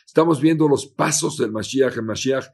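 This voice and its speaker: A man tells a story as a rabbi in a sermon. His voice is a little husky and sits at an ordinary pitch, and he keeps saying "he says" as he acts out each character's lines. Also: moderate pace, a little mellow. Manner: acts out dialogue with frequent "le dice" and repeated words.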